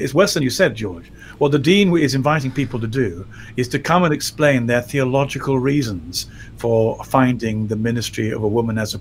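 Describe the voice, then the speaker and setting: A man, a bishop on a church news panel, talking in quick animated bursts with restarts. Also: mid-range voice, a little hiss or hum. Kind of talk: casual panel discussion.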